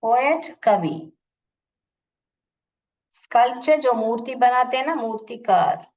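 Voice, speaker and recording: Woman teacher going through an english lesson real slow, quizzing the kids, sounding words out, dull far-off recording. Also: on the high side, a little mellow. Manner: explains word by word, asks and answers her own questions; spells out and sounds out pronunciation slowly. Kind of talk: classroom lesson explanation. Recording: dull lo-fi audio from a distance.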